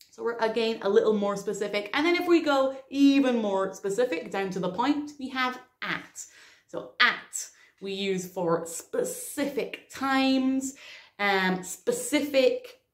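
A woman teaching grammar in an online lesson, explaining clearly with a dry sense of humor. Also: mid-range voice. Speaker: English teacher. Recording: echoey room.

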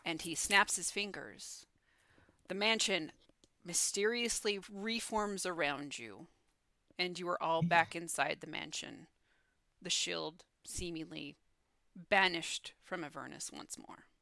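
A woman narrating as dungeon master of a tabletop game, measured and deliberate. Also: lowish voice, vocal fry, sharp tone, dry recording.

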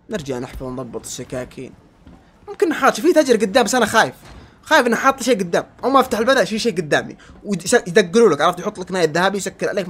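A man giving let's-play commentary, yelling insults at enemies and then dropping to low muttering. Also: slight background noise. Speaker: gamer.

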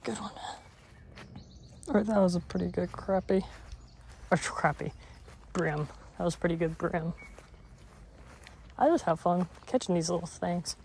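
A man's voice: high voice, unhurried, creaky, pauses often, darkish tone, a little hiss or hum. A man vlogging while he fishes at a pond, talking in a casual, rambling way and correcting himself, recorded on a chest-mounted camera outdoors. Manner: rambling, self-correcting, offhand. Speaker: fishing vlogger. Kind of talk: casual outdoor fishing commentary.

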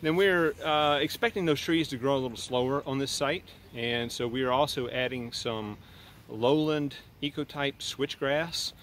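A man's voice: mid-range voice, moderate pace, a bit bright, a little hiss or hum. Middle-aged man explaining outdoors on a farm. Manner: thoughtful, explanatory, many fillers. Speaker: university plant scientist.

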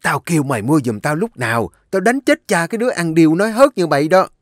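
A man's voice: fairly high pitch, very animated, normal speed, dry recording, clean studio sound, voice pushed up. A man voicing a domineering older mistress of a rich house who scolds harshly. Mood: scolding.

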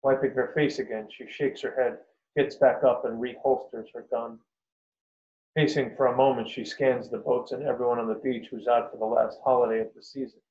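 A man's voice: mid-range voice, flat delivery, darkish tone. Author reading his story aloud. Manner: measured, unhurried. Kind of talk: first-person story reading. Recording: roomy, dull lo-fi recording.

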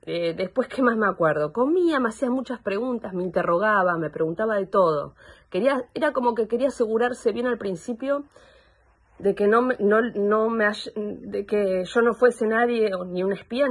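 A young woman with an Argentine accent gives personal testimony over a video call, halting and searching for words. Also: mid-range voice, slightly rough. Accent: Argentine Spanish. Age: young adult. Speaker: complainant in a psychological assessment.

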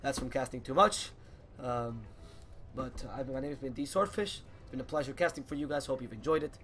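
A man with a raspy, hoarse voice, commentating a live online game match as its caster. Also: mid-range voice, a little hiss or hum. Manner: builds to fast excited shouting during fights. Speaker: esports caster.

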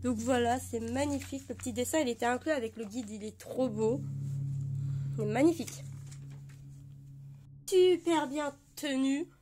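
A woman with a hoarse voice from a cold, gushing and rambling with many fillers as she shows off her collection in a casual vlog. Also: on the high side, a little fast. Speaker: vlogger showing her collection. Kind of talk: casual show-and-tell. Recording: noticeable background noise.

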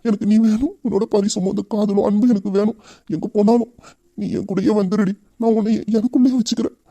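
A man's voice: high-pitched, steady tone, warm tone. A man with a Tamil accent playing a loving young husband who grieves his mother, talking intimately and heartfelt. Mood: tender. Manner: intimate, heartfelt, rapid talk. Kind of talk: romantic audio drama.

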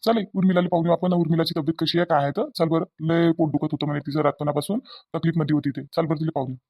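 A man voicing a young village husband and son-in-law in a cartoon, with a Varhadi Marathi accent, pleading for calm. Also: fairly high pitch, racing, husky, no echo, lo-fi sound. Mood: placating. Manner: pleading, placating.

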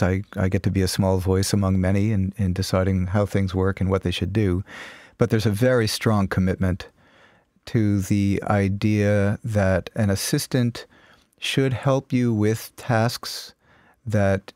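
A man who is a mastering engineer, giving measured technical explanations as an interview guest. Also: on the low side, a little mellow, no room sound, studio quality.

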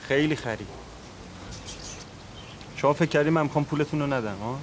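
An actor playing a furious demanding boss. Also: male voice, on the high side, a little hiss or hum, lightly acted. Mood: angry. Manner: angry, demanding. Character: angry boss man demanding his kidnapped son.

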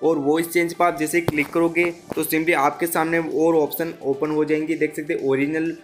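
Over music, a man with an Indian accent hosts a casual tech tutorial, walking viewers through a phone step by step. His pitch is fairly high and his delivery flat, at a normal pace, and he addresses the audience directly, often repeating himself.

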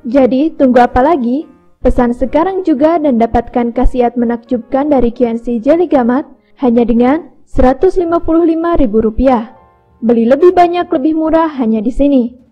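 A woman reading a scripted product advertisement in an even, upbeat sales voice, slowing down to read out numbers. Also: high-pitched, highs cut off, soft background music. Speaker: ad narrator.

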